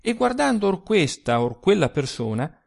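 A man narrating a literary story in a slow, expressive storytelling manner. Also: high voice, creaky.

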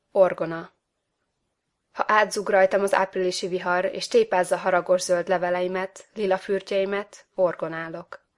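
A woman reading literary prose aloud as a volunteer audiobook reader, measured and expressive. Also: fairly low pitch. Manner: measured, expressive, varied phrasing.

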